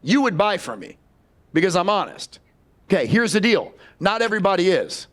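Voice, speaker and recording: A man's voice: high-pitched, very animated, moderate pace, fairly bright tone. Blunt, profane male sales trainer. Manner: blunt and profane, addresses the audience directly. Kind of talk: live seminar talk.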